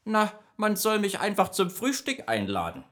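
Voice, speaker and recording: A man plays a chatty, friendly nightmare spirit in a children's radio play, patiently explaining dreams after an evasive start before turning informative. His exaggerated voice sits high and a bit bright, with huge pitch swings at a moderate pace.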